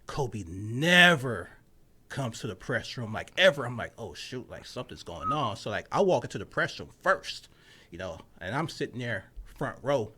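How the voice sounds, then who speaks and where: A young man, a sports journalist, tells a story in casual podcast chat, animated and full of fillers, dropping low when he quotes his own thoughts. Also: moderate pace, slight background noise. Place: outdoors on college grounds.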